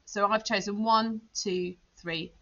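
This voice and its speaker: An English woman and music teacher talks through a software tutorial step by step, thinking aloud with fillers. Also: mid-range voice, fairly even intonation, slow pace, lo-fi sound. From England. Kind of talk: screen-recorded software tutorial.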